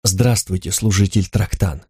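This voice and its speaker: A man's voice: medium pitch, expressive, a little mellow, dry recording, clean studio sound, close to an everyday voice. A man voicing a reserved young man who speaks curtly and coldly, in a storybook reading. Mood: guarded. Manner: curt, cold, measured. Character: cold, reserved young man seeking answers.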